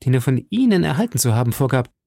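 A man's voice: mid-range voice, very animated, fast talker, vocal fry, dark tone, no room sound, studio quality. A man reading an audiobook, voicing an impulsive, passionate young male swordsman with heated, emphatic delivery. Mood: ardent.

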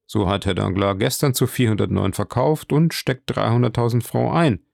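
A man's voice: fairly low pitch, moderate pace, gravelly, a little mellow, no room sound, studio quality. A man reading a matter-of-fact ministry secretary. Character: evasive male minister's secretary.

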